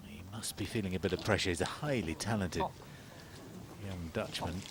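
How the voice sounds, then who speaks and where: A man with a very deep voice offers conversational analysis as a golf co-commentator. His live commentary comes with clear background noise and outdoor ambience. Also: normal speed.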